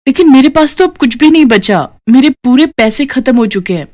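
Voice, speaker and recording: A woman voicing a greedy young daughter-in-law in a cartoon story, excitable and whiny. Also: sits high, fairly quick, voice pushed up. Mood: excited.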